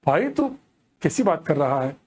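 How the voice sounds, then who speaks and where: Animated young man telling a story. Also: on the high side, measured pace, slightly rough. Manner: animated, keeps checking the audience follows. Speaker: stand-up comedian. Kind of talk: storytelling comedy.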